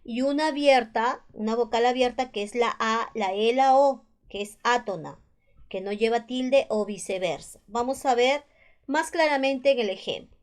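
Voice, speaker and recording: A woman's voice: on the high side, normal speed. A woman teacher with a Peruvian Spanish accent, patiently explaining spelling rules and repeating each one. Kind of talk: spelling lesson explained over slides.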